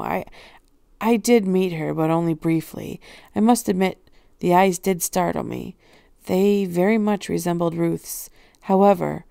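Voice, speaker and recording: A woman voicing an elderly male professor who speaks in a measured, careful way, in a storybook reading. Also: fairly low pitch, vocal fry, mellow, clear, resonant tone, dry recording, clean studio sound.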